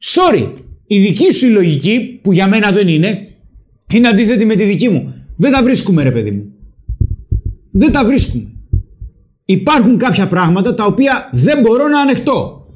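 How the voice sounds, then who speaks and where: Emphatic, lively-voiced man. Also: high voice. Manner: emphatic, loud, swearing. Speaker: podcast host. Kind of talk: animated opinion talk.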